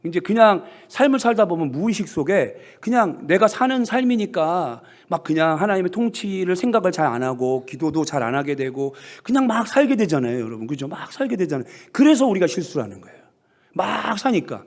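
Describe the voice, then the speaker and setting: A man's voice: sits high, fairly quick. A man preaching a sermon as pastor, telling a story with acted-out quotes and ringing calls of hallelujah. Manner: animated storytelling with shouted hallelujahs. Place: church sanctuary.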